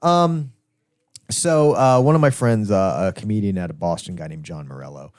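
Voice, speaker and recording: A man's voice: lowish voice, normal speed, dry recording. A man hosting a podcast, telling crude stories in a loose, laughing way. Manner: animated, profane, laughing storyteller. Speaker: podcast host. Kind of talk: casual chat, storytelling.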